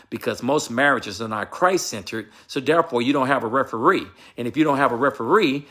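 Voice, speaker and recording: Sharp-toned and mid-range, a man's voice preaches marriage advice in a casual vlog. He's emphatic and repetitive in a sermon-like way, addressing viewers directly and seeking his wife's confirmation.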